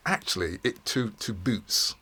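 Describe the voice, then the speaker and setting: A middle-aged man, a podcast guest telling his story in a studio with many pauses, fillers and repeated words. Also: lowish voice, pushed and bright. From England. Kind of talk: casual interview storytelling.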